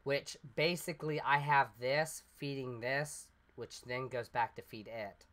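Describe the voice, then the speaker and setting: Recovering from illness and sounding slightly congested, a let's play host with a sharp, mid-range voice talks casually over his gameplay. He rambles, laying things out step by step and using fillers.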